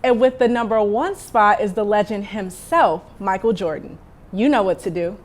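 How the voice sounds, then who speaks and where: A woman's voice: mid-range voice, moderate pace. A young woman working as a sports reporter, narrating a scripted countdown segment in a light, list-style read. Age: young adult. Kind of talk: scripted news package narration.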